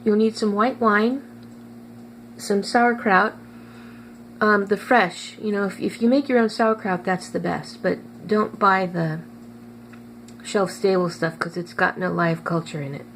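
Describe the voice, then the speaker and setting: Woman cooking vlogger, chatty, halting delivery with fillers, mid-range voice, faint hum behind. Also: medium pitch, fairly even intonation. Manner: chatty, hesitant with many fillers, tastes food while talking. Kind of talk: casual kitchen vlog.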